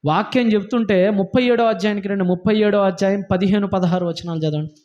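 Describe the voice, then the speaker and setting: A man's voice: sits high, steady tone, quick pace, a little mellow. A man preaching a sermon in a church, scolding his listeners with emphatic rhetorical questions. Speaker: pastor. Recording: dull lo-fi sound.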